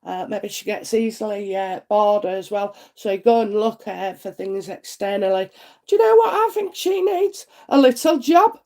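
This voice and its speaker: This woman speaks at a medium pitch, expressive and mellow at a moderate pace, though stuffed up with a head cold. As a psychic reader on a live stream, she chats homely and casually through viewer comments, dropping many "uh" fillers and asking "isn't it?"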